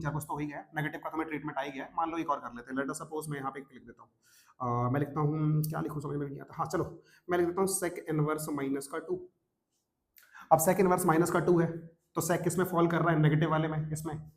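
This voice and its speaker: A young man teaching a maths class at a whiteboard, brisk and coaxing, often checking that students follow. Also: fairly high pitch. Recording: echoey classroom.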